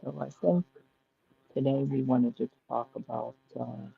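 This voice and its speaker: A man's voice: mid-range voice, level tone, measured pace, creaky. A co-host man talking bluntly and swearing freely from home beside a sleeping baby, his voice muffled as if heard through a wall. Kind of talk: casual podcast chat. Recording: dull muffled lo-fi line.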